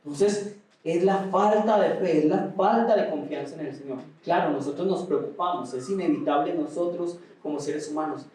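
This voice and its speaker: A man preaching a sermon with passion, at times raising his voice almost to a shout. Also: on the high side, normal speed. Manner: impassioned preaching, rising to near shouts at times. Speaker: pastor. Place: large echoey auditorium. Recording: echoey hall, mic at a distance.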